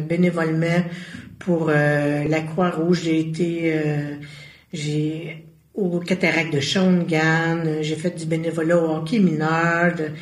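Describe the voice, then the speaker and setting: A woman with a Québécois French accent and a low, darkish voice is a guest in a casual conversational interview. She speaks earnestly, searching for her words as she goes, and the recording has a roomy echo.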